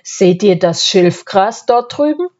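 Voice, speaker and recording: A woman's voice: medium pitch, expressive, slow pace, darkish tone, highs cut off. A woman voicing a genial, welcoming male count who speaks in a hearty manner.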